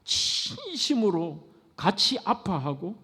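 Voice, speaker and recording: A man's voice: high-pitched, huge pitch swings, takes it slowly, sharp tone, husky. A middle-aged man, a pastor preaching a sermon in a church, speaking earnestly and putting questions to his congregation. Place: church sanctuary. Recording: long church-hall reverb.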